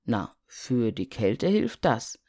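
A woman voicing a jolly, kindly snowman come to life in a fairy tale, speaking low and friendly. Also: sing-song, takes it slowly, mellow, husky, exaggerated voice.

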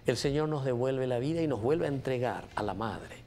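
A man with a Paraguayan Spanish accent, a priest preaching a homily with emphatic repetition, sudden loud rises and phrases in Guaraní. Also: medium pitch, expressive, brisk, a little hiss or hum. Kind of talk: sermon.

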